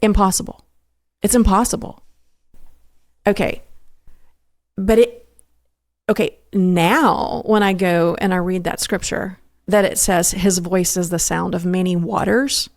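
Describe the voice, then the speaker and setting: A woman's voice: lowish voice, steady tone, a little mellow, no room sound. Woman guest on a faith podcast, earnest, lots of restarts and "you know"s, dry close mic. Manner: earnest, halting, with many restarts and fillers. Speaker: interview guest. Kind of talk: faith testimony in a podcast interview.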